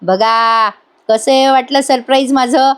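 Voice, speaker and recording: A woman's voice: sits high, fairly even intonation, measured pace, clear, resonant tone. A woman voicing a jolly old grandfather who playfully bosses the family around a surprise. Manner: playful and bossy.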